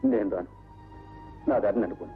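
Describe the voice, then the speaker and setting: An actor plays a beaten-down elder brother, low and weary, hiding from debts. His voice comes through tinny, narrow film sound. Music plays underneath. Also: brisk, lightly acted. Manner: downcast, weary.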